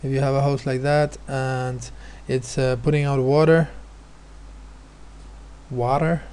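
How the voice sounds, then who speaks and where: A man's voice: mid-range voice, little pitch movement, normal speed, darkish tone, smooth. A male teacher explaining physics exam questions, hesitant, with many fillers and restarts. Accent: non-American, his remark says so.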